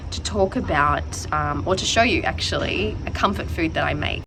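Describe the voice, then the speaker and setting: A woman's voice: low-pitched, moderate pace, vocal fry, a bit bright. A young Australian woman who is sick and losing her voice, chatting casually with lots of fillers as she vlogs from her home kitchen on a clip-on mic. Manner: rambling, with many fillers. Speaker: vlogger. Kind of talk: casual chat. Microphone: wireless clip-on mic. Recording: noisy home recording.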